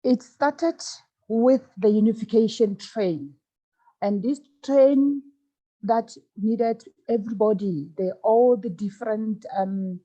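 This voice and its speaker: A woman giving a formal presentation over a video call, her voice slightly hoarse, polite and measured. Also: on the high side, dark tone, muffled recording. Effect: speaking over a video call. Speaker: guest speaker.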